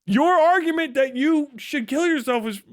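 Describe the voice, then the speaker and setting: With a very high voice and an ordinary speaking speed, a male livestream host goes on a casual rant full of cursing and sarcasm, voicing imaginary exchanges with animated flair.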